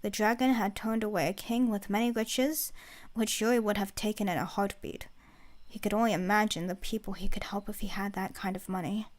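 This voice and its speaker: A woman's voice: medium pitch, fairly even intonation, a little fast. A woman reading fiction aloud as a narrator, in a dramatic scripted narration style.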